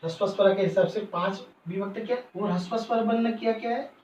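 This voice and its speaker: A man teaching as a Sanskrit teacher, slowly explaining each point in Sanskrit and then again in Hindi. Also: sits high, fairly even intonation, a little mellow. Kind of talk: classroom lesson. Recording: roomy, distant, dull sound with faint noise.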